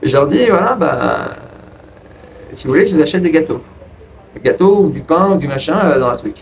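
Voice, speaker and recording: A man's voice: brisk, gravelly. A man casually telling a personal story to his viewers in a rambling way, with frequent restarts. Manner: rambling, restarts, lively pitch jumps. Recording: distant from the mic with faint ambient noise.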